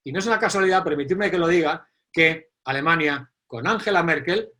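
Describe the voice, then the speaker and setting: Middle-aged male host, emphatic and repetitive, a touch higher-pitched. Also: a little fast. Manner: animated, emphatic, repeats key phrases. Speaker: online forum host. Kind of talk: live online event introduction.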